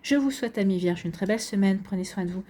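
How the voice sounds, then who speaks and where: Woman doing a tarot reading, warm mellow voice, rambles with lots of ums and "donc ici". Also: mid-range voice, fast talker. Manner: chatty, many fillers and repeated "donc ici". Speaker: tarot card reader. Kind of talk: casual tarot reading to camera.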